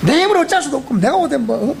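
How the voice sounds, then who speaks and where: Man, pastor, Gyeongsang accent, sermon, animated rise and fall, asks the room questions. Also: very high voice, rapid-fire, creaky, very noisy. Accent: Gyeongsang Korean. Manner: animated, repeats phrases, asks the congregation questions. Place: church.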